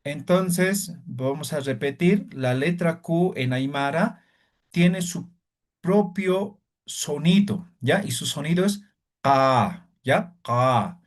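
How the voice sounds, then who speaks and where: A man's voice: fairly high pitch, slow. A man teaching a language lesson, patiently repeating sounds and checking in with his students. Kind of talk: classroom lesson.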